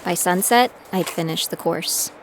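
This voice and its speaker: A woman with a lowish voice narrates as the lead in an audio drama, playing a determined young female trainee telling her own story in scripted first person. Her reflective narration moves at a measured pace, recorded in a studio over prominent music, with background noise.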